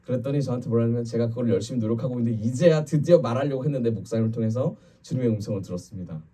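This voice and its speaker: A man preaching a Friday evening sermon, talking to the congregation in an easy, conversational way. His voice is very dark and a little husky. The mic sits some way off, so he sounds distant in the sanctuary. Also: mid-range voice, rapid-fire. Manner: conversational preaching, quotes people in lively voices. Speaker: pastor. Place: church sanctuary.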